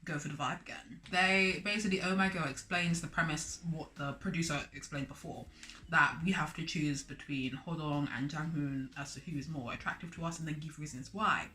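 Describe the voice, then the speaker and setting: A young woman vlogger telling a story in an animated, chatty way, full of "like" and acted-out voices. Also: low voice, brisk. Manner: chatty, dramatic, acts out voices, lots of "like". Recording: faint music bed behind.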